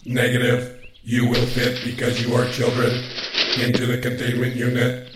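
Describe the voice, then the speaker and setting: An actor voicing a stiff, officious robot school principal in a comedy audio drama, formal and mechanical. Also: male voice, mid-range voice, natural voice. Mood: flatly commanding. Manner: formal, monotone, mechanical, deliberate. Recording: echoey, distant, noisy background.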